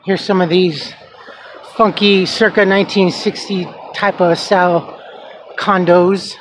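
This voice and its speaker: This vlogger's voice is high-pitched and flat, with little pitch movement, and he talks slowly while walking a residential street with a handheld camera. He rambles casually with fillers during the neighborhood tour, and the poor audio also captures traffic and outdoor street ambience.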